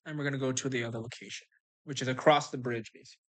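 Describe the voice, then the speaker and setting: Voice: mid-range voice, fairly even intonation, rapid-fire, fairly bright tone. A game streamer giving casual live walkthrough commentary, instructing and talking through each move as it happens.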